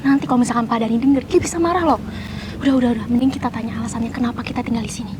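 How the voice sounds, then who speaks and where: A woman acts out a worried young friend in a TV drama, hushing the others in a high voice. Clear background noise sits under her cautious words. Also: racing, close to an everyday voice. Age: young adult. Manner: hushed, cautious, urging quiet.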